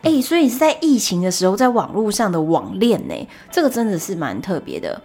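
A young woman hosting a solo podcast, telling stories in a chatty, animated way with exasperated asides. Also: mid-range voice, fairly quick, slightly rough. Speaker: podcast host.

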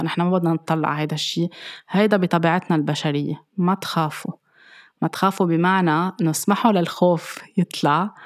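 A speaker with a Lebanese accent giving an earnest self-help talk to listeners, mixing English psychology terms into the Arabic. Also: medium pitch.

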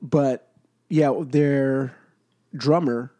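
Man, nasal congested voice, dark mellow tone, casual podcast chat, host. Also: mid-range voice, fairly even intonation, drawn-out words, lo-fi sound. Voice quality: nasal from blocked sinuses. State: congested from cat allergy.

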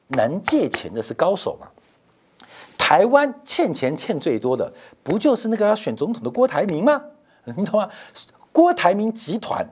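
A man's voice: high voice, a little mellow, husky. A middle-aged man hosting a financial commentary show, emphatic and rhetorical, repeating phrases to drive points home.

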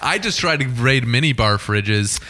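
Bright, joking Canadian podcast host. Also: male voice, mid-range voice, animated. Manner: joking, quick quips. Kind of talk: casual chat.

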